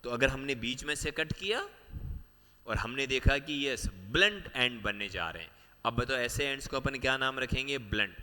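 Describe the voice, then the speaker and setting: A man teaching a biology class for exam prep. He explains step by step, repeats the key points and keeps asking the students quick questions. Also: medium pitch, animated, sharp tone, big-room sound. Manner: explains step by step, mixing Hindi with English terms.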